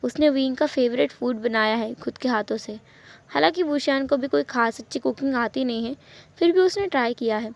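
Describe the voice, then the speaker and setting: High-voiced woman narrating fan fiction. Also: brisk, creaky. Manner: chatty, mixing Hindi with English words. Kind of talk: storytelling narration with direct address to viewers. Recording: dull lo-fi home recording.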